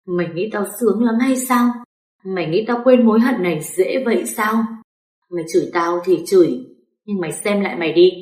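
A woman's voice: mid-range voice, darkish tone, roomy sound, natural voice. A woman voicing a bitter, cruel sister-in-law who sneers and spits venom.

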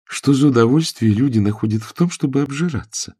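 A man voicing a haughty, sharp-tongued young woman in an audiobook, speaking in a high, mocking, snippy way. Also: a little fast, slightly rough, no echo, clean studio sound, close to an everyday voice. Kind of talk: audiobook character voice.

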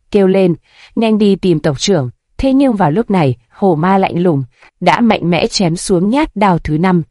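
A woman reading a scripted story in a steady, even narrating voice. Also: on the low side, no echo, studio quality.

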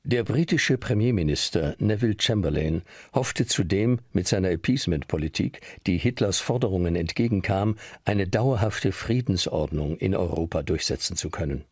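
A man's voice: sits low, expressive, moderate pace, hardly any pauses, slightly rough, no echo, clean studio sound. A man reading scripted historical documentary narration.

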